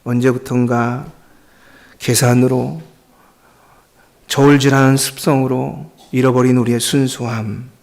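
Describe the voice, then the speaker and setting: A man's voice: medium pitch, gravelly, a little mellow. A male pastor giving an earnest Sunday sermon and often addressing the congregation directly.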